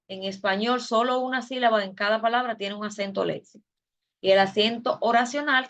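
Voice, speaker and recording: A woman's voice: fairly high pitch, a bit bright. A woman teacher giving an online class lecture, explaining step by step with fillers and self-corrections. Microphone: video call.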